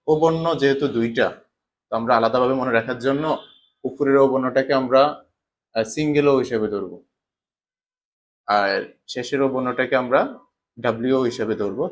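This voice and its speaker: Male teacher, mid pitch, patient stepwise explanation with rhetorical questions. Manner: asks questions and answers them himself, repeats patterns. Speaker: Japanese language teacher. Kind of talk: explaining a lesson step by step.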